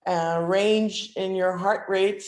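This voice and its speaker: Slow-speaking woman in a roomy space. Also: medium pitch, steady tone, a little mellow. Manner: halting, hesitant, with frequent pauses and throat clearing. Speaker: instructor leading a breathing exercise. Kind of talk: guided relaxation lesson, informal explanation. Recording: roomy, echoing sound.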